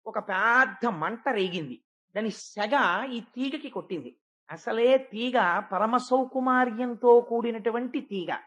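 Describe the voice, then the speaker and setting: A woman giving a devotional discourse, retelling a scripture story and acting out the characters' words with shifts in pace and loudness. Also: a little high, slow. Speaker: spiritual speaker.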